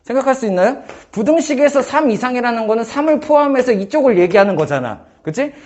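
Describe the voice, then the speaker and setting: Lively high-voiced man tutoring math. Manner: quizzing a student with quick questions, joking. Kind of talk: casual math lesson.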